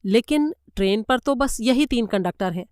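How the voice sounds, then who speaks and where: A woman's voice: fairly high pitch, expressive, moderate pace, a little mellow, smooth, dry recording, clean studio sound, close to an everyday voice. A woman voicing an earnest German maid. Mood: insistent. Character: German lady's maid, middle-aged woman, earnest and flustered. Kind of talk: audiobook character voice.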